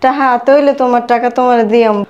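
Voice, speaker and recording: A poor mother, played by a woman, pleading and placating. Her voice sits fairly high and moves quickly. The room has a noticeable echo. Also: steady tone, a little mellow, highs cut off, close to an everyday voice. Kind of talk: amateur short-film acting. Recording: echoey room.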